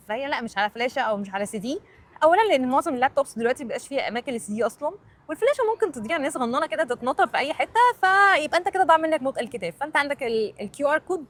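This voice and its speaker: Fast-talking Egyptian woman teacher. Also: a little high. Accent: Egyptian Arabic. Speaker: English teacher. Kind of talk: casual explainer video.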